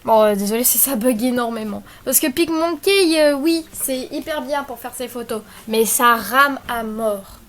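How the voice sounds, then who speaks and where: A woman's voice: fairly high pitch, normal speed, few pauses, a bit bright. A young woman talking through a screen-recorded tutorial in a chatty, rambling way, full of fillers and apologies. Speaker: tutorial maker. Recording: faint background noise and clicks.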